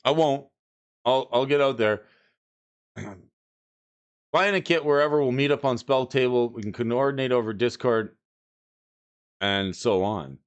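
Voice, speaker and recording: Male streamer host, clear smooth tone, chatty, animated, casual delivery. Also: mid-range voice, unhurried, long pauses, highs cut off. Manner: chatty and animated, lots of restarts and "like". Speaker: livestream host. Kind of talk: casual livestream chat.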